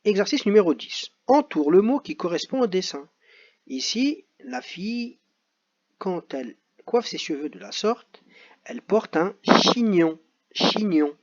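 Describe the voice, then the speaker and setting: A man teaching young pupils, reading out exercises and saying each word slowly twice. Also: on the high side, a little mellow, husky. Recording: dull lo-fi audio.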